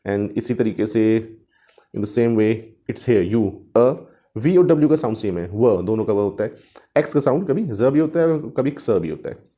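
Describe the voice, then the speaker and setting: A man's voice: fairly low pitch, expressive, mellow. A man teaching spoken English, switching between Hindi and English and repeating each point in both languages. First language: Hindi or Urdu. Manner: sounds out letters slowly and drawn out.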